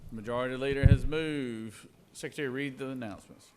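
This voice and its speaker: A man presiding over a legislature, moving through formal procedure with informal, drawn-out phrasing. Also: mid-range voice, fairly even intonation, darkish tone, a little hiss or hum. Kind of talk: formal parliamentary procedure with offhand asides. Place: large indoor Senate chamber. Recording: echoey legislative chamber, long reverb.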